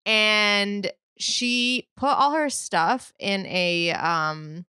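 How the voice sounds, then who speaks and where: A woman's voice: mid-range voice, extremely slow, bright, forceful tone, clean tone, no echo, clean studio sound. A young woman co-hosting a podcast in casual chat, chatty and giggly, peppering her talk with "like" and swearing freely. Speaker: podcast co-host.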